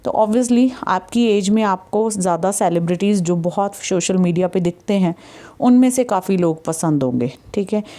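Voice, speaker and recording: A woman with an Indian accent and a medium-pitched, dark voice patiently teaches a chapter from an English textbook. She reads the English passages slowly and deliberately, often saying "ठीक है" to make sure students are following.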